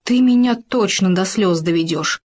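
A woman's voice: mid-range voice, moderate pace, a little mellow, lightly acted. A woman voicing a young male gopher in a storybook, who is doubtful and easily offended. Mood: tentative. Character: young male gopher, anxious and quick to anger.

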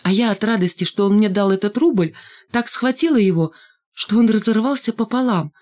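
A woman's voice: medium pitch, moderate pace, a little mellow. A woman narrating a novel in the first person, reading expressively. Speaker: audiobook reader.

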